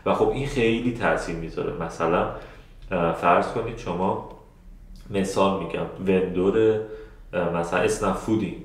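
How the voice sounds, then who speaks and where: A man running a live webinar class, with a somewhat low voice, speaks in a loose, chatty way full of filler sounds and restarts. He turns straight to his listeners to take their questions. His computer mic picks up a strongly echoing room. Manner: addresses the audience directly and answers their questions. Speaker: webinar instructor. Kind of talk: live online teaching. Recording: very echoey room.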